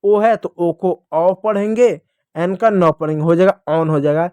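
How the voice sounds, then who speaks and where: A man teaching English to children, slowly drawing out spelling drills and prompting the kids to repeat. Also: high-pitched, darkish tone, smooth, no echo. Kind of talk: classroom-style teaching lesson.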